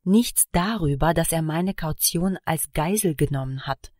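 A woman's voice: low voice, a little slow, a little mellow, dry recording, studio quality. A woman reading the part of a stubborn young woman, fed up with surprises and indignant. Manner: indignant, exasperated.

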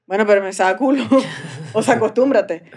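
A woman with a Venezuelan accent, co-hosting a casual chat and telling stories in an animated way. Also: medium pitch, moderate pace, husky. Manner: animated storytelling. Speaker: podcast co-host.

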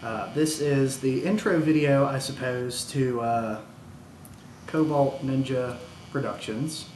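A young man chats in an offhand, halting way, full of fillers. His pitch sits in the middle. The recording is echoey, with clear noise from a handheld camera. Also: a little mellow. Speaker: co-host. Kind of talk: casual chat. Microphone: handheld camera mic. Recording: echoey room with background noise.

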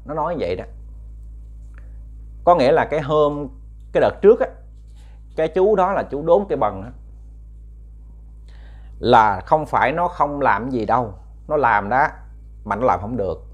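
A man's voice: medium pitch, expressive, normal speed, long pauses, lo-fi sound. Male ghost-story narrator, loose conversational telling with fillers. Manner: chatty, addresses listeners, many fillers and repeats. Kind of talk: casual spoken storytelling.

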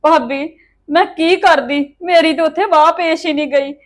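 A woman's voice: sits high, normal speed, close to an everyday voice. An actress with a Punjabi accent playing a married daughter who weeps and complains about her in-laws. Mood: complaining. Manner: tearful complaining. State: crying.

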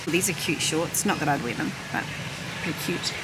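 Speaking fairly quickly in a deep voice, a middle-aged vlogger chats and muses aloud while browsing a busy warehouse store. She films the shopping vlog on a handheld phone as loud store noise carries behind her.

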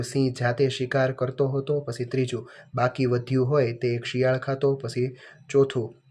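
Man, teacher, workbook walkthrough, monotone list reading, middle pitch. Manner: reads answers in a flat, list-like way.

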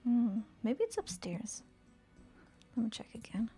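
A young woman streams a game, murmuring casual commentary to herself and often slipping into a whisper. Her soft, soothing voice is a little high, with big pitch swings and a slightly slow pace. Soft background music plays.

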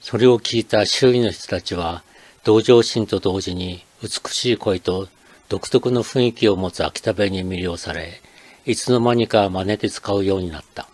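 Older man, from Akita, host, low-pitched, steady explanatory reading. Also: a little slow. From Akita, Japan. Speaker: channel host. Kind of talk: scripted narration.

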